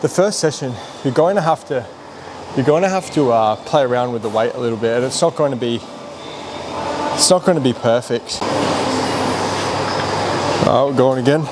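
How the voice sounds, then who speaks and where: A man's voice: medium pitch, fairly quick. A man talking casually through their workout in a gym, explaining things in an informal, rambling way as a fitness vlogger. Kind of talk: casual workout vlog, explaining as they train. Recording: noisy room with ambient hum.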